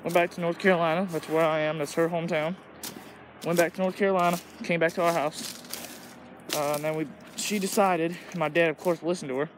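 A man's voice: on the high side, fairly even intonation, fairly quick. Teen guy from illinois rambling on a woods walk, phone mic, traffic and outdoor noise behind. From Illinois, USA. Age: teens. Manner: rambling, crude, loose talk with lots of "like". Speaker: vlogger. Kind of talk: casual walking vlog. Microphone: phone camera held while walking. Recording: noisy outdoor phone recording.

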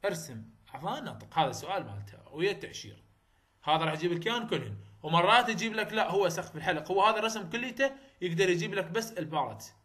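Rapid-fire and forceful, this Iraqi-accented lecturer teaches university phonetics in a high, bright, expressive voice. He keeps circling back to repeat terms, asks whether students understand, and slips English terminology into the Arabic.

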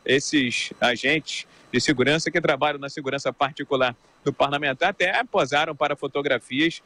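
A man's voice: on the high side, moderate pace, bright, forceful tone. A man, giving a live news report from a city street on a handheld mic, chatty and addressing the anchor by name. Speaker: field reporter. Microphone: handheld mic close up.

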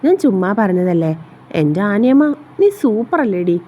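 A woman voicing a cheeky young man who teases and flatters his cousin. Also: mid-range voice, normal speed, dull audio. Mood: joking. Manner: flattering, teasing.

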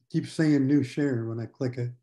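A man's voice: medium pitch, steady tone, normal speed, dark tone. A man on a video call, flustered and self-deprecating while fumbling with the controls. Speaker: meeting participant. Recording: roomy echo.

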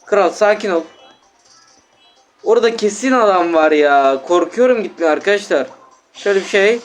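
A man commentating his own gameplay for viewers, excitable and easily exasperated, with game music behind him. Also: high voice, normal speed. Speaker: gaming channel host.

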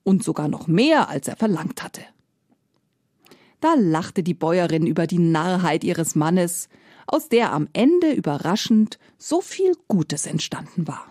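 A woman storyteller telling a folk tale in a lively, expressive way. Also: on the low side, a little slow, no room sound, clean studio sound. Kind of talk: scripted fairy-tale narration.

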